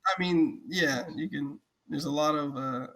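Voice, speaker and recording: A man's voice: fairly high pitch, measured pace, a bit bright. A man co-hosting a podcast, talking casually and hesitantly, repeating words while he searches for his thoughts. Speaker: podcast co-host. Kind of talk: casual chat.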